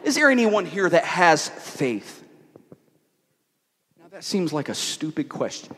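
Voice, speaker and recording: High-voiced preacher in a reverberant hall. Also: male voice, big pitch swings, a little slow. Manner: repetitive, rhetorical questions, swings from loud to hushed. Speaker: pastor. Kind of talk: sermon. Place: church hall with an audience.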